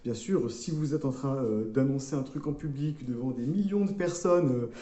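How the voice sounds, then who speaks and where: A man's voice: mid-range voice, moderate pace, warm tone. Playful man coaching in an echoey room. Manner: playful, jokey, rambling with fillers. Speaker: wellness coach. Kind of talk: casual coaching video.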